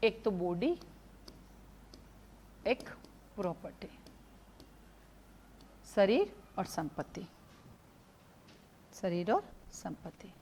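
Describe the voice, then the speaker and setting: A woman teaching a live law class, explaining through lively everyday stories, mixing Hindi with English legal terms and repeating key points for students to note. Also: medium pitch, extremely slow, pauses often, slight background noise. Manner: animated storytelling with everyday examples.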